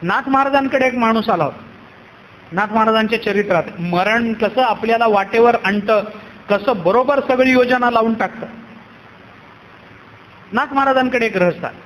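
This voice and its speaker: High-voiced Marathi man preaching, echoey hall. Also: moderate pace, long pauses, a bit bright. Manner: acts out characters in a story, rhetorical questions. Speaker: Warkari kirtan preacher. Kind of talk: sermon with storytelling. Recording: echoey hall, faint background noise.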